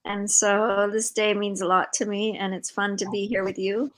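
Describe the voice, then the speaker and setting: An older woman hosting a live video-call interview, talking in a warm, rambling way with many fillers. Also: mid-range voice, little pitch movement, normal speed, poor audio. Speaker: host and founder of an organization. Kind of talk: casual conversational interview.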